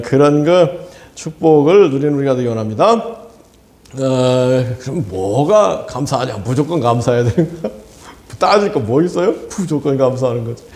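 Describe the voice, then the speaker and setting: Male pastor, sermon, animated, laughs often, high lively voice, echoey room. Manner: animated, laughing often, asks the congregation for amens.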